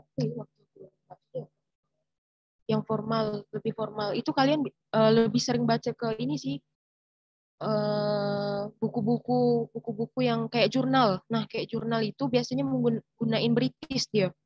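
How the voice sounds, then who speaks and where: A woman's voice: a little high, steady tone, measured pace, husky, no room sound, dull audio. A young woman from Indonesia answering questions in an online writing class, explaining with lots of fillers and restarts. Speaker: writing workshop mentor. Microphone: video call.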